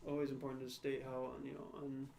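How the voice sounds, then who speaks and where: A young male podcast co-host, whose mid-range voice is dark, creaky and monotone, talks a little fast in a casual discussion. He hedges thoughtfully, with frequent "right?" and "you know," against a little hiss or hum.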